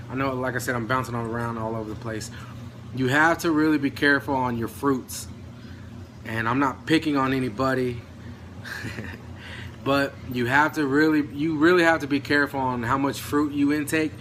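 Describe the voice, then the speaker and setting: A man's voice: mid-range voice, fairly bright tone. Man, casual rambling talk, lots of "you know", a bit breathless, faint hiss behind. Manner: loose, rambling, full of "you know" and mild swearing. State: out of breath, dry throat. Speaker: vlogger on diet and nutrition.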